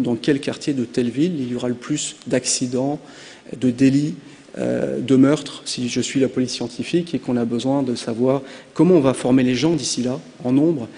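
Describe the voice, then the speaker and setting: A man's voice: medium pitch, dark tone. A man from France giving a conference presentation, hesitant with frequent filler sounds. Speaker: conference speaker. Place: conference hall. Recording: long reverb of a hall.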